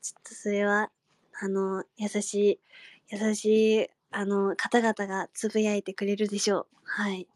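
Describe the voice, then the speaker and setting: A young woman chatting casually with fans on a livestream, giggling and dropping into soft murmurs and whispers. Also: mid-range voice, level tone, moderate pace, no echo, clean studio sound. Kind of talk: casual chat.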